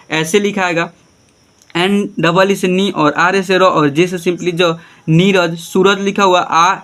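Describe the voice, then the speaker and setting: Male tutor, high pitched, patient step-by-step teaching manner. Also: fairly bright tone. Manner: spells names out letter by letter, patient; keeps prompting "ठीक है, देखिए". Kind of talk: classroom-style tutorial.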